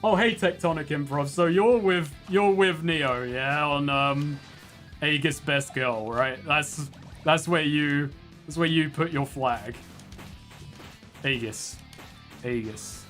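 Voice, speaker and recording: A man's voice: a little high, slow pace, fairly bright tone, faint music behind. Laughing, swearing male streamer. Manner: swearing, laughing, playfully exasperated. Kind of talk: casual chat while streaming a game.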